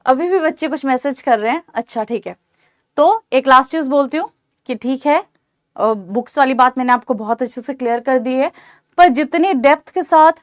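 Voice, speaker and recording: High-voiced woman teaching an online class. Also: no echo, studio quality. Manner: reassuring, repeats "theek hai" to check understanding. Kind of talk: online exam-prep lecture.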